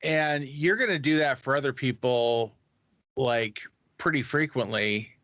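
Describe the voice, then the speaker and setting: A man on a podcast talking in a thoughtful, reflective way, pausing on fillers. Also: mid-range voice, fairly bright tone, no echo. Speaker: podcast co-host. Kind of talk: casual podcast chat.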